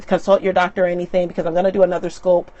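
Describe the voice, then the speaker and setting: A woman's voice: on the low side, rapid-fire, lo-fi sound. A middle-aged woman talking casually on a live stream into her tablet, chatty and often laughing. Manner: chatty and laughing, lively animated asides. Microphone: tablet mic.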